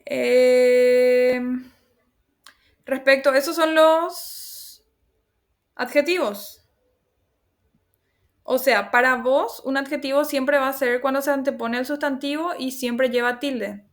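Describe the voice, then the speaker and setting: A woman's voice: high voice, flat delivery, takes it slowly. A woman teacher giving a class lecture, explaining patiently, often checking in with her students and reassuring them with a laugh. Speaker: language teacher.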